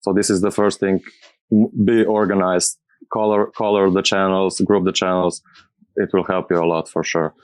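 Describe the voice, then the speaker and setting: Male interviewee, non-native English speaker, low-pitched and fairly even, halting delivery, dry close sound. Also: clean tone, no room sound. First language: not English. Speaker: music producer being interviewed. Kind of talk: casual interview answers.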